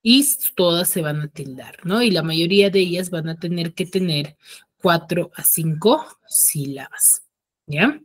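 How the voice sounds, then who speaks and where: A woman teacher giving an online class, often stopping to check that students follow and slowing down to stress key rules. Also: lowish voice, dry recording. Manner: checks understanding with frequent "ya?" and "sí?".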